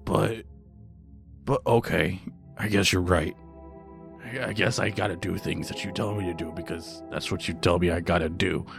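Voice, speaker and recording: Male tabletop player, gravelly, simple plainspoken delivery, music behind. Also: low voice, steady tone, moderate pace. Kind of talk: tabletop role-play in character.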